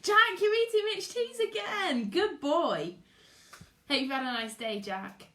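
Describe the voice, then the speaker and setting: A British primary school teacher chats casually on a livestream, greeting viewers in a chirpy, sing-song way. Her high-pitched voice is animated, a bit bright and unhurried, and the room sounds roomy and echoey.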